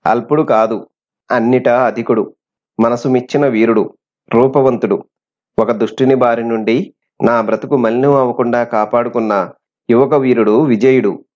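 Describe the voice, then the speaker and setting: A man's voice: medium pitch, steady tone, moderate pace, pauses often, a little mellow, natural voice. A man voicing a defiant young captive princess who speaks with scorn, on a dull lo-fi recording.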